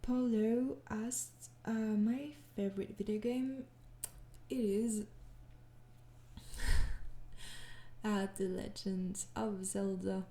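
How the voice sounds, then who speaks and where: Extremely slow and full of pauses, a steady medium-pitched voice belongs to a young Frenchwoman answering her ASMR fans' questions. In this soft-spoken, casual Q&A in an echoey room, she's weary and apologetic, hesitating, laughing softly, and lapsing into whispers.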